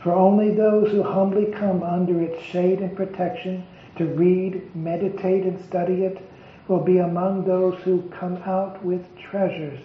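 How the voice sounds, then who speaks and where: A man preaching a devotional sermon with a raised, fairly high voice, stressing each word as he piles up lists of phrases. He speaks slowly and deliberately. The recording is muffled and lo-fi and carries a roomy echo. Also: a little hiss or hum. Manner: emphatic, deliberate listing of phrases. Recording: echoey, dull lo-fi recording.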